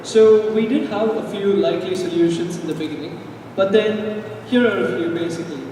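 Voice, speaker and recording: A young man from India walks through his team's ideas in an earnest, explanatory way. His voice sits quite high for a man, and he is picked up from far off in a big reverberant hall with clear background noise. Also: a little fast, mellow. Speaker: student presenter. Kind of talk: school team presentation.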